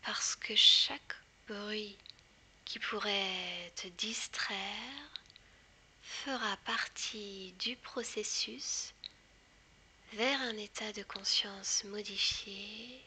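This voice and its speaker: A woman whispers very slowly, as if right in your ear, leading a guided hypnosis. Her hushed, breathy delivery is soothing and deliberate, with long pauses. The close sound has a bright edge and a faint layer of background noise. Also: mid-range voice.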